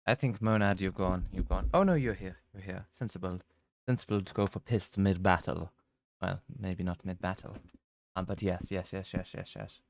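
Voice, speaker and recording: Rambling low-voiced man. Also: fairly even intonation, moderate pace, gravelly, no room sound. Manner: rambling, self-mocking, swears freely. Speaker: streamer. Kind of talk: casual chat.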